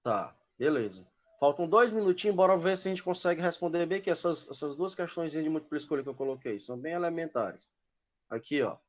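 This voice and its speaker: A man teaches English to an online class, his voice sitting a little high. He explains each rule patiently and keeps checking that the students follow. The sound is dull and lo-fi, from a computer mic. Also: lively intonation, a little fast.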